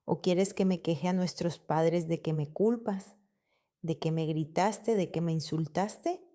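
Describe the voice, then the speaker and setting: A woman's voice: fairly low pitch, measured pace, dark tone, close to an everyday voice. A woman voicing a scornful, spoiled younger sister. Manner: scornful, mocking.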